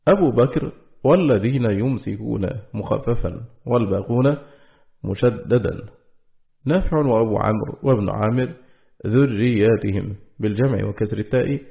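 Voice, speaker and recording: A man with a low, gravelly voice reads a classical text in a steady, formal manner. The sound is thin and phone-like, as if captured on a tinny lo-fi line. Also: normal speed, long pauses. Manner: steady, formal recitation of terms. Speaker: audiobook reader. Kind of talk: measured reading of a classical text on Quran readings.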